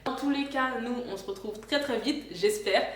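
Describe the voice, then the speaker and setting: A woman's voice: fairly high pitch, normal speed. Chatty young woman in an echoey room. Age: 20s. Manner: chatty, self-correcting, with fillers. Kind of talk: casual chat to camera. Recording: echoey room with faint background noise.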